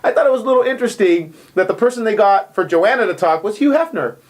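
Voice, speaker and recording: A man co-hosting a casual recap chat, animated and jokey. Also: fast talker. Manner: animated, jokey, big pitch swings. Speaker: co-host.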